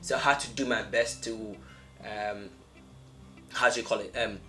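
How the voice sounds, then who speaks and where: A man's voice: fairly low pitch, fairly even intonation, normal speed, pushed and bright, soft background music. A young Ghanaian-accented man hosting a podcast in a casual, conversational way, often repeating phrases for emphasis. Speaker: podcast host.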